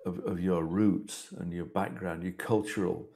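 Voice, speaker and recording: A man's voice: sits low, steady tone, unhurried, gravelly, dark tone. A man in a panel discussion on a video call, thoughtful and rambling, restarting his phrases. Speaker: host, artist.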